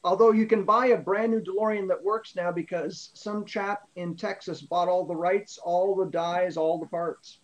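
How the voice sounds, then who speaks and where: A man on a video call telling lively anecdotes in casual chat. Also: high-pitched, moderate pace, hardly any pauses, lo-fi sound. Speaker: panel member.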